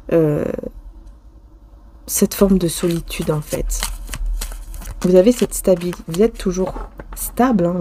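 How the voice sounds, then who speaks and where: A woman giving a casual spoken tarot reading, talking straight to the viewer and often pausing and restarting. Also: lowish voice, mellow, slight background noise. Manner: hesitant, restarts often, many fillers; addresses viewer directly, intimate. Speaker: tarot card reader.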